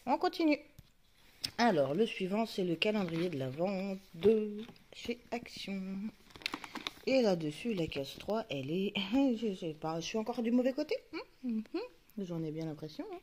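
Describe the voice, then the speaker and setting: A woman talks casually to her viewers, thinking aloud and muttering asides as she goes. Her pitch rises and falls widely. A faint noise sits under the recording. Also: very animated, normal speed, darkish tone. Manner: chatty, talks to the camera focus, muttering asides. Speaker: YouTuber unboxing advent calendars. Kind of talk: casual chat.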